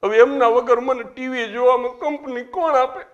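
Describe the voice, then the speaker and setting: A man's voice: very high voice, steady tone, moderate pace, dull audio, heavy background noise, pitched above the performer's own voice. A man voicing a young widowed woman who sobs and complains plaintively about her late husband. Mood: wailing complaint.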